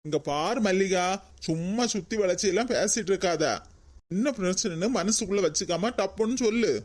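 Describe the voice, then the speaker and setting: A caring daughter-in-law in a comedy cartoon, played by a woman, with a plain, mid-pitched voice and a Kanyakumari Tamil accent. She presses and coaxes insistently. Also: a little fast, a little mellow, close to an everyday voice. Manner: probing, insistent, coaxing.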